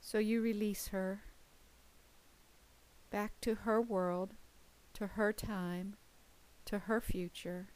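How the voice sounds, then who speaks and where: A woman with a medium-pitched voice leads a guided visualization as a meditation teacher, speaking very slowly and deliberately with space between short phrases. Her gentle, soothing delivery comes through on a rough recording.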